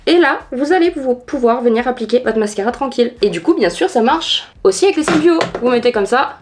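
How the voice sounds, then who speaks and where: A woman's voice: fairly high pitch, expressive, fast, noisy background. A woman chatting casually in a home beauty vlog, blunt and slangy, poking fun at herself as she tests tips in a hot room. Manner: blunt, slangy and self-mocking. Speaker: beauty vlogger testing tips.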